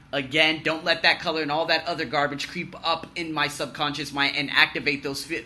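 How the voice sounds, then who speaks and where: This vlogger in his thirties looks back on his year in a blunt, forceful monologue. He lurches between loud bragging and quiet muttered asides, dropping the occasional curse.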